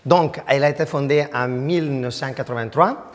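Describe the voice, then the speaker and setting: A man's voice: medium pitch, normal speed, in a large hall. A man who is an acoustic engineer, explaining things plainly as a tour guide, with some hesitations.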